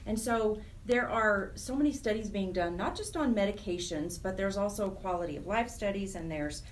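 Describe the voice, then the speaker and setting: A medium-pitched American woman speaks at normal speed as a guest on radio, where she serves as program director for a nonprofit chapter. She explains matters earnestly and emphatically, recorded on a distant mic with a little noise.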